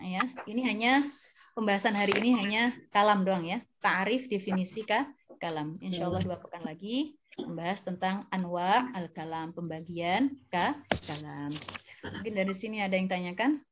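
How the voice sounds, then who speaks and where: Brief: gentle, encouraging woman teacher in an online class, mid pitch, slightly muffled call audio. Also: a crowd in the background. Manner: gentle, encouraging, corrects pronunciation slowly. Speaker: Arabic grammar teacher. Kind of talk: online class, correcting a student's reading.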